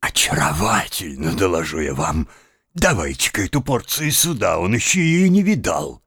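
Man playing a low gushing prison director. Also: big pitch swings, normal speed, fairly bright tone, breathy edge, no room sound, studio quality, heavily acted. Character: fussy elderly prison director, gushing and flattering.

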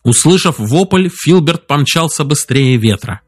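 A man narrating a story aloud in an expressive audiobook style. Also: on the high side, unhurried. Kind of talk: audiobook reading.

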